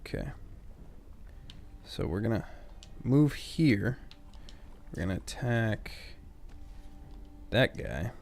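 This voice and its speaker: A man's voice: fairly low pitch, animated, slow pace, pauses often, darkish tone. A young man casually commenting on a game as he plays, swearing freely and reading the story text aloud. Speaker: let's player.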